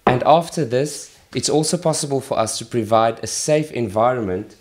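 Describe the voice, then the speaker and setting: A middle-aged man from Malawi, a charity worker, making an earnest, measured appeal while demonstrating with a plant. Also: medium pitch, a little hiss or hum. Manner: earnest, measured, with pauses and restarts.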